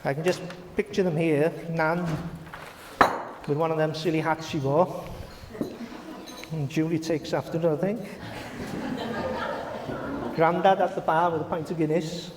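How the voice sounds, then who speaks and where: A middle-aged man giving a wedding toast speech as father of the bride, halting and jovial, into a handheld mic in a large echoing reception hall. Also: on the high side, steady tone, noisy background. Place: large glass-walled wedding reception room. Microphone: handheld microphone. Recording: echoey hall, handheld mic, guests reacting. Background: wedding guests murmuring and laughing.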